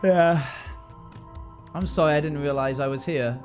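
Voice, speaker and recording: A man's voice: fairly high pitch, moderate pace. A man streaming a game, chatting casually and playfully as he reacts and reads out dialogue choices. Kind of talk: casual let's play chat, reacting and reading out choices. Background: faint game music.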